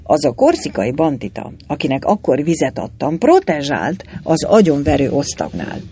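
A man reading an audiobook voices a cheerful young poet serving in the legion, chatty and lively. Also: on the high side, a little hiss or hum. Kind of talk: audiobook character voice.

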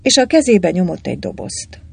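Expressive male audiobook reader, gravelly voice. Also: sits high. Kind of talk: audiobook narration.

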